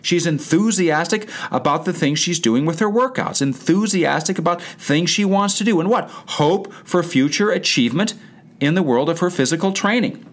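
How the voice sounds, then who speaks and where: An emphatic man giving a motivational talk to chiropractors. His pitch swings widely as he stresses key words, repeats them over and over and fires off rhetorical questions. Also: animated, moderate pace. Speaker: chiropractic practice coach.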